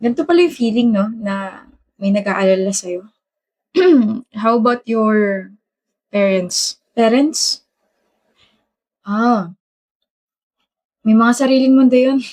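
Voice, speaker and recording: A woman's voice: fairly high pitch, a little slow, long pauses, a little mellow. A woman acting out a romantic skit dialogue, playful and teasing, switching between Tagalog and English.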